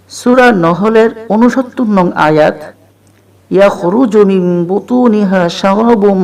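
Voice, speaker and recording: A man preaching to viewers in a measured, devout way, slowing into chanted Arabic verses. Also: high-pitched. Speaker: Islamic preacher. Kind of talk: religious talk with Quran recitation.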